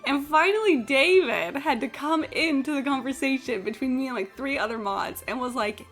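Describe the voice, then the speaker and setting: A woman livestreamer with a high voice speaks at a moderate pace over background game music. Chatting casually on stream, she spins rambling, sweary, blunt anecdotes and keeps dropping "like."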